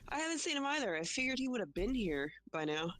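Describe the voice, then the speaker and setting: A woman's voice: fairly high pitch, big pitch swings, quick pace, fairly bright tone, a little hiss or hum. A woman playing a tabletop game, upbeat and joking. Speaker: player. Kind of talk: casual tabletop play.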